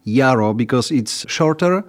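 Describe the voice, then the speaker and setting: A man's voice: medium pitch, expressive, a little slow. A man with a Polish accent hosting a casual interview chat in English as a second language. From Lower Silesia, Poland. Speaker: podcast host.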